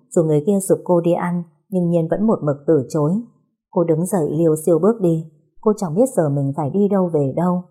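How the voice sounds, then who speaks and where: A woman narrating a dramatic audio story in a steady, measured way. Her voice sits low and sounds mellow and warm. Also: husky.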